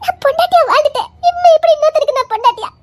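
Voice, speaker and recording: Brief: woman playing a tearful young wife in an audio story, very high, sobbing voice. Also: expressive, normal speed, darkish tone. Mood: weeping despair. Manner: sobbing, wailing laments. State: crying. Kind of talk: Tamil audio story acting.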